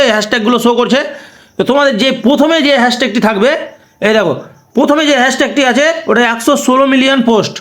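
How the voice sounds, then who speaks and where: A man's voice: very high voice, fairly bright tone. A man walking viewers through a phone app tutorial step by step, repeating each instruction and checking in with tag questions. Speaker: tutorial host. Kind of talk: screen-recording tutorial.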